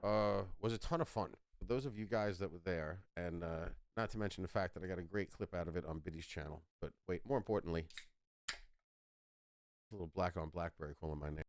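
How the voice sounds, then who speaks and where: A man co-hosting a live stream, greeting viewers by name and giving shout-outs in an upbeat, casual way. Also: low voice, brisk, slight background noise. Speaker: stream co-host.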